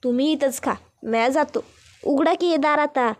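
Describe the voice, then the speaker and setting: A woman's voice: sits high, moderate pace, darkish tone, lightly acted. A woman voicing a chatty, sly young village woman who talks in rustic speech. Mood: teasing.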